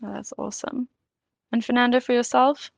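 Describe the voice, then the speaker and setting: A woman's voice: on the high side, level tone, moderate pace, creaky, no echo. A woman hosting a podcast, giving upbeat, encouraging introductions and questions. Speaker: podcast host.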